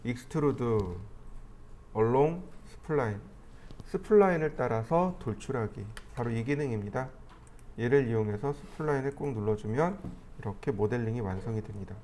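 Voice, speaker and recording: Man explaining a software tutorial step by step. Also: medium pitch, expressive, moderate pace, a little hiss or hum. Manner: step-by-step explaining, thinking aloud while clicking. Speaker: 3D modeling instructor. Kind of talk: screen-recorded software tutorial.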